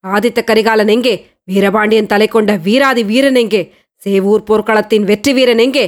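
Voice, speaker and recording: A woman's voice: mid-range voice, fairly even intonation, moderate pace, natural voice. A woman reading the part of an angry old chieftain who roars threats and demands his grandson. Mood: furious. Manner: commanding, thunderous demands.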